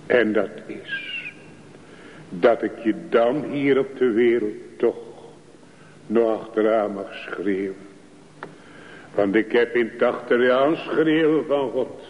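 A man preaches a sermon, slow and pleading, with a low voice that now and then rises into fervent calls. The recording is dull and muffled, with long reverb trailing off the church walls.

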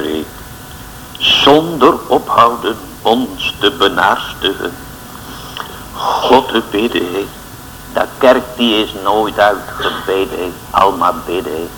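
Man, church sermon, fervent and pleading, bright tense voice. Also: lowish voice, slight background noise, poor audio. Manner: fervent, pleading, addresses listeners as boys and girls. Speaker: preacher.

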